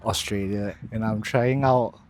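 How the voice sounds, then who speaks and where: A young man with a heavy Singaporean accent, a vlogger trying stand-up for the first time, chats casually and mocks himself in a travel vlog, swearing when nervous. His lowish voice is steady and unhurried, with a little hiss or hum in the background.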